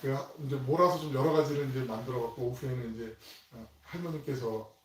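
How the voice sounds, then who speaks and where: A middle-aged man preaching a sermon as pastor, acting out biblical figures in lively quoted speech. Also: medium pitch, a little fast, slight background noise. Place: church sanctuary. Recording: roomy church hall, distant mic.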